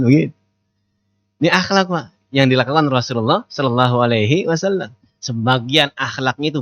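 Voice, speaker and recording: A man's voice: mid-range voice, muffled recording. A man giving a casual sermon, joking and putting questions to his audience. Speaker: preacher.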